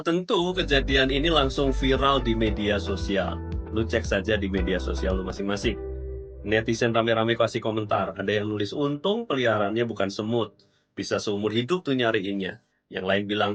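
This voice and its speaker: A man hosting a vlog, telling a story in a casual, slangy way and speaking straight to the viewer, with bouncy jumps in pitch for emphasis. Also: fairly bright tone, slightly rough. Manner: chatty, slangy, addresses the viewer directly. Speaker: vlog host.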